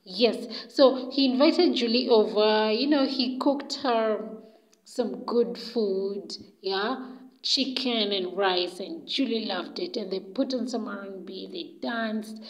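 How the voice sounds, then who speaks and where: A woman's voice: medium pitch, slow pace, poor audio. A woman telling a story in a casual, chatty way, loose and full of fillers.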